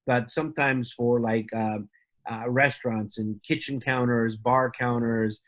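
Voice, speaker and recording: A man's voice: mid-range voice, steady tone, a little slow, fairly bright tone. A man from Argentina, a company representative, talking casually in an interview with many fillers and restarts.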